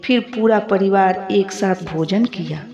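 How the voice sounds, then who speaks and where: Brief: woman storyteller, slow moral-story narration, echoey and lo-fi. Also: medium pitch, warm tone. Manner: plain, moralizing telling. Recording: echoey, slightly muffled home recording.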